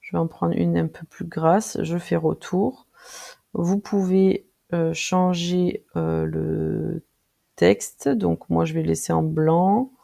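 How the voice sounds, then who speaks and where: Heavily gravelly, dark-voiced tutorial presenter. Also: medium pitch, fairly even intonation. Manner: hesitant, frequent filler pauses while clicking through; friendly, addresses viewers directly. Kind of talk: casual screen-recorded tutorial.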